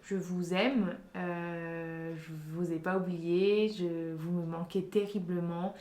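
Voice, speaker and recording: A woman's voice: fairly low pitch, flat delivery, slow, mellow. A young woman from France chatting casually in a vlog, giving emphatic advice straight to her viewers. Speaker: vlogger. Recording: roomy echo with faint music.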